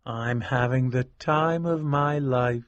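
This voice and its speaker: A man voicing a reserved, polite young gentleman in an audiobook, speaking with restraint. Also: on the high side, sing-song, measured pace, breathy edge, no echo, lo-fi sound, exaggerated voice. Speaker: Winterbourne. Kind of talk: audiobook dialogue acting.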